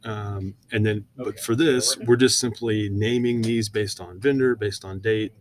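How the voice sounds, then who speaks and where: A man presents software through a casual screen share, frequently pausing with fillers as he goes step by step. He speaks a little slowly, in a steady tone on the low side.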